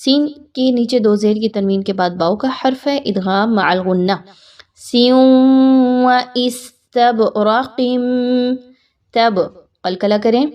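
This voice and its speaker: A woman teaching Quran recitation, giving brisk explanations and then reciting verses slowly with long drawn-out notes. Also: medium pitch, distant mic, dull audio. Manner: alternates brisk Urdu explanation with slow drawn-out Arabic recitation. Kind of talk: tajweed lesson, explaining and reciting.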